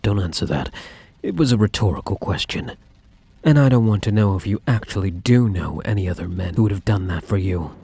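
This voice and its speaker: A man playing a possessive, lovesick ex-boyfriend in an ASMR role-play, speaking intensely and defensively to the listener with dramatic pauses. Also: fairly low pitch, dark tone, husky, heavily acted. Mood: defensive, insistent. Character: possessive, obsessive ex-boyfriend, self-justifying and lovesick.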